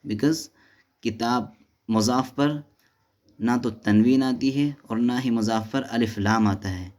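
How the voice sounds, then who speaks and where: Male teacher, slow deliberate delivery, walks through grammar with questions and answers. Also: medium pitch, a little mellow. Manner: explains step by step, asks and answers his own questions; mixes Hindi-Urdu with English and Arabic terms. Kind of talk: classroom lesson explanation.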